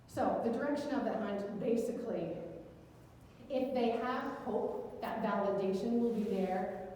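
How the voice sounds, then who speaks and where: A woman's voice: medium pitch, warm tone, slight background noise. A woman researcher giving an academic lecture in a conversational way, acting out the words of the people she quotes. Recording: echoey hall picked up from far off.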